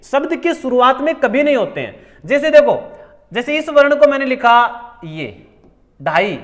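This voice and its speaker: A man's voice: extremely high pitch, very animated, normal speed, a bit bright. A male teacher giving a classroom grammar lesson, repeating key words and asking questions that he answers himself. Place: coaching class.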